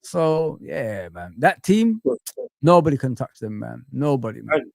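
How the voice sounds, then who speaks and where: A medium-pitched African man with vocal fry talks a little slowly while chatting as a football pundit on a fan livestream. He reminisces with animation and keeps adding "you know what I mean", with no echo in the audio.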